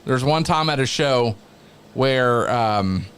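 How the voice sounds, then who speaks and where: A man's voice: medium pitch, expressive, slow, fairly bright tone, clear, resonant tone. An American man telling career anecdotes as an interview guest, in casual conversation. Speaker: wrestling announcer and radio veteran, interview guest. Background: background noise, wrestling show playing on a TV.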